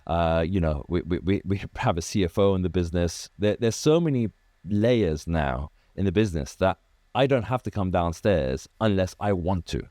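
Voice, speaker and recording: A man's voice: low voice, dry recording. A man who grew up in Iraq, a business founder talking in a casual interview and acting out old conversations as he goes. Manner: animated storyteller, acts out quoted dialogue, many restarts. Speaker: car detailing business founder, guest.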